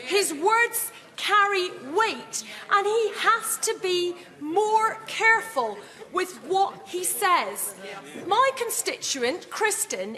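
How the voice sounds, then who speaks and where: A woman, a member of parliament, giving a stern and deliberate speech in debate. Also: very high voice, sharp tone. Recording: reverberant chamber with crowd murmur.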